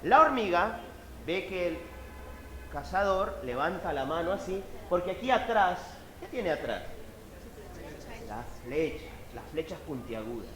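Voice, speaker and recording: A man, a storyteller telling a fable live to an audience in an animated, expressive way. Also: sits high, a little slow, echoey room, poor audio. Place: event hall at a book fair.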